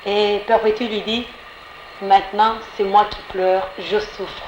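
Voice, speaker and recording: A woman playing a nun who tells the story in a measured way. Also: medium pitch, level tone, slight background noise, close to an everyday voice. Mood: storytelling. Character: nun, woman, quietly resolute. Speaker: narrator and fellow nun. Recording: echoey lo-fi recording with music.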